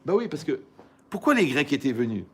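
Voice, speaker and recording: A man, a rabbi, giving a lively Torah lesson in colloquial, animated storytelling style, often asking his listeners rhetorical questions. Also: fairly high pitch, fairly quick, breathy edge.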